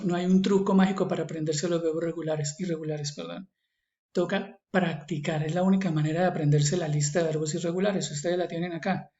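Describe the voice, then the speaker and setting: A man's voice: sits high, darkish tone. A man with a Colombian Spanish accent teaching English grammar in a recorded online lesson. He repeats each rule and keeps checking in with his students. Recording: echoey, slightly dull screen recording.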